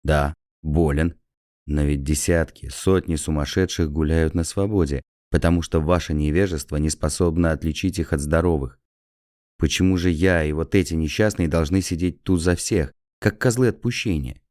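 A man voicing an agitated male asylum patient who shouts bitter accusations. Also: extremely low pitch, normal speed, no echo, studio quality. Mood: indignant.

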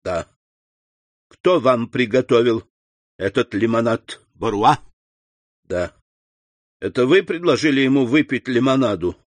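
A man voicing a grave middle-aged doctor who asks low, hushed, measured questions, in an audiobook reading. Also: lively intonation, no room sound.

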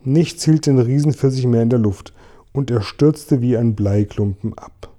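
A man reads a children's book aloud in a steady, plain storytelling voice. His tone is very dark and mellow, at an ordinary middle pitch. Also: measured pace. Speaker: reader.

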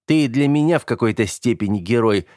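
A man's voice: medium pitch, expressive, brisk, darkish tone, no room sound, close to an everyday voice. Male reader doing a reserved teen boy in an audiobook, subdued and earnest, dry close sound. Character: reserved teenage boy, quietly firm.

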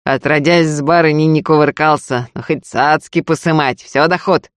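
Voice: mid-range voice, steady tone, normal speed, no echo, natural voice. A reader voicing a gloomy, brutal male brigand who talks in a coarse, sneering way.

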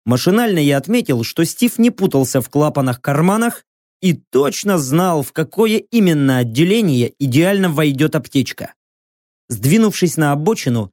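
Dramatic male audiobook narrator, lively and dry. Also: fairly high pitch, no room sound. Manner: intense, rousing delivery with sharp swings.

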